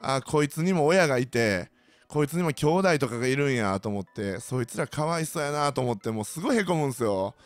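A man's voice: medium pitch, a little fast, dry recording, faint music behind. A man with a Kansai accent hosting a casual monologue, ranting sardonically as he tells his stories to the listeners. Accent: Kansai Japanese. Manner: ranting, sardonic, animated storytelling. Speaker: host.

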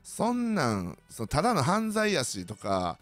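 A man's voice: on the high side, measured pace. A man with a Kansai accent hosting a casual monologue, ranting sardonically as he tells his stories to the listeners. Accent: Kansai Japanese. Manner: ranting, sardonic, animated storytelling. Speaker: host.

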